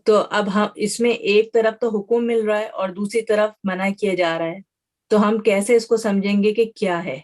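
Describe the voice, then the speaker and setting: A woman's voice: medium pitch, fairly even intonation, a little mellow. Patient woman teacher. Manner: patient, explains step by step with examples and check-in questions; mixes English words into her speech. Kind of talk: online class lecture.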